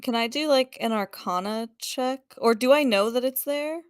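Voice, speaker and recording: A woman's voice: fairly high pitch, normal speed, smooth, dry recording, studio quality. A woman playing a tabletop game, chatting casually, laughing often and searching for words. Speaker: player.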